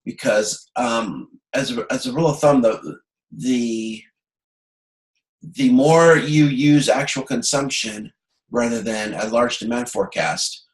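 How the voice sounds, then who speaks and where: In poor audio, a man with a medium-pitched voice lectures informally as a course instructor on a video call, stopping often and correcting himself as he haltingly explains.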